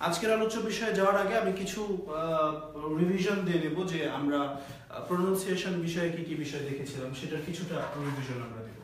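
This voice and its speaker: Man teaching French, high voice, echoey. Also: quick pace, recorded from a distance, slight background noise. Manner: explains step by step, often says "voilà" and "d'accord". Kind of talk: live online language class.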